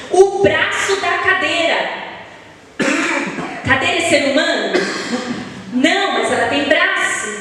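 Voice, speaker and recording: A woman leading a Bible study, asking the audience questions and answering them herself, drawing out her examples. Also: high voice. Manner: lively, drawn-out emphasis on examples. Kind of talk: church Bible study lesson. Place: church hall. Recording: echoey hall, voice from far off, faint ambience.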